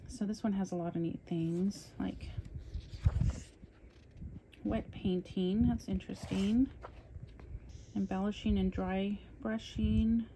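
A woman's voice: medium pitch, steady tone, takes it slowly, long pauses, dark tone, slight background noise. A woman hosting a casual coloring book haul, talking chattily and with enthusiasm as she flips through her purchases. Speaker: coloring channel host. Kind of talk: casual haul show-and-tell.

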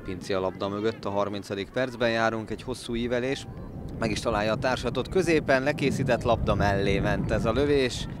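A man giving excited sports commentary in Hungarian style, calm play-by-play that leaps into raised calls on chances. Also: on the low side, noisy background. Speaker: football match commentator.

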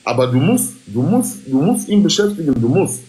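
A man's voice: a little high, sing-song, fairly quick, mellow, low-quality recording. A man chatting casually on a group livestream, giving emphatic fight advice in street slang sprinkled with Arabic oaths.

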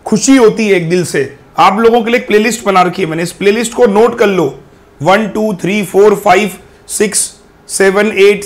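A young man teaches an online maths class for exam prep. His voice sits a little high, and he talks in a chatty, coaxing way, often counting items aloud as he goes. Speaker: maths teacher for bank exams.

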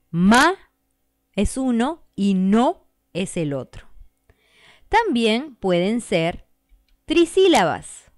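Brief: woman teacher for kids, lively up-and-down pitch, unhurried, dry close sound. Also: no echo. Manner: animated, clapping out syllables, asks the viewers questions. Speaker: teacher, channel host. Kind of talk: children's lesson explanation.

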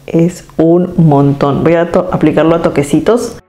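Mellow-voiced woman chatting through makeup. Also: low voice, fairly even intonation, measured pace, soft background music. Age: adult. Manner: chatty, demonstrative, addresses viewers directly. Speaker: beauty vlogger. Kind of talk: casual makeup tutorial. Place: at home.

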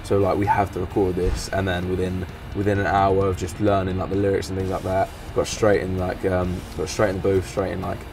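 Young man, London accent, deep monotone, loose rambling fillers, far-off mic, noisy outdoors. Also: brisk, hardly any pauses. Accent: London English. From England. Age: young adult. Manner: relaxed, rambling with many fillers. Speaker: band member. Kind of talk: casual recap interview. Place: outdoor garden seat in warm sun.

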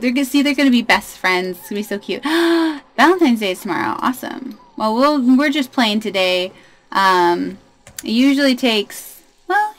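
Playing a life-sim game on camera, a young woman gives casual commentary in a bright, higher-pitched voice. She chats away and addresses her in-game characters with a bubbly tone.

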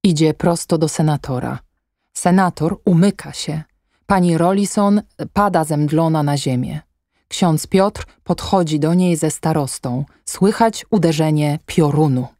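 A woman reading the stage directions of an audiobook drama in a calm, measured way. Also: deep voice, no room sound, studio quality. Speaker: narrator.

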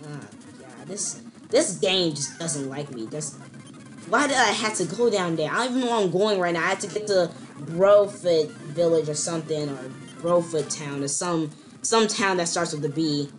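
A young woman commentating her own gameplay, ranting in exasperation and jumping up to squealing high notes. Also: moderate pace, faint music behind. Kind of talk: let's-play commentary.

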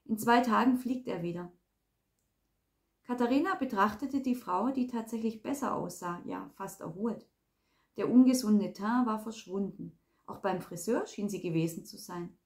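A woman reading a crime novel aloud in a calm, even narrating voice. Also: medium pitch, moderate pace. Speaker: reader.

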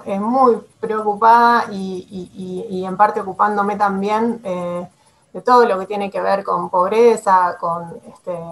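A woman in her forties, with an Argentine Spanish accent from Rosario, answers interview questions casually as a climate activist guest on a webcam call from a small room at home. Her mid-range voice is a bit bright, full of fillers, restarts, and little laughs.

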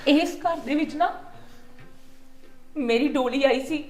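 A woman's voice: high-pitched, takes it slowly, a little mellow, faint music behind. A young woman playing a devoted daughter-in-law in a village short film, pleading tearfully. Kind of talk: rural family drama acting. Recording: echoey room.

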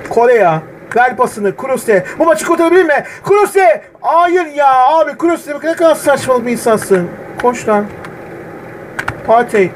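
A man streaming a football video game, groaning at misses and shouting players' names when they near the goal. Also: very high voice, expressive, unhurried, slight background noise. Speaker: gaming channel host. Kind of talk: excited gameplay commentary. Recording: game music loud behind voice. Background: game music.

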